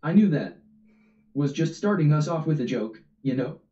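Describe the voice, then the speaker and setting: A man's voice: fairly high pitch, lively intonation, moderate pace, mellow, natural voice. A man voicing a boastful, dim-witted young horned brawler with a swaggering manner, recorded distant and roomy. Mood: cocky. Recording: roomy, distant, dull audio.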